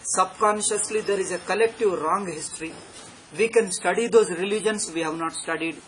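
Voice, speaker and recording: A man delivers an off-the-cuff spiritual discourse in a fairly high voice. He speaks emphatically, repeating key phrases as a teacher would. The live recording carries some background noise. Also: normal speed, a bit bright. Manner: emphatic and repetitive, restating phrases. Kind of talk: extempore religious discourse. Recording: clearly noisy live recording.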